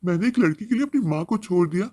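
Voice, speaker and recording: A man's voice: high-pitched, lively intonation, fast, mellow. A man voicing a remorseful grown son who speaks in an earnest, pleading way. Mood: anxious.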